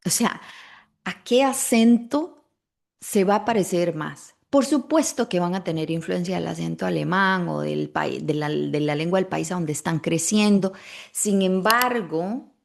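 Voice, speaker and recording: Brief: woman podcast host, low and a bit gravelly, chatty advice monologue full of ums and ehs. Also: measured pace. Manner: conversational, explanatory, with frequent hesitation fillers. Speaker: podcast host and multilingual parenting consultant.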